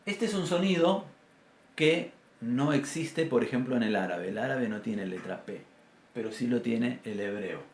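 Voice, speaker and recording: A man teaching a Biblical Hebrew class with an Argentine Spanish accent, explaining patiently and sounding out letters aloud, often clearing his throat. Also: mid-range voice, lively intonation, normal speed, roomy sound. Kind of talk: university class lecture. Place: classroom with a blackboard.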